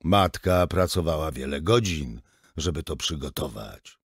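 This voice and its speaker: A man reading an audiobook and voicing a middle-aged wife who placates her family in a hurried, lifted voice. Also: lively intonation, breathy edge, no echo, studio quality, exaggerated voice. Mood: placating. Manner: soothing, raised pitch.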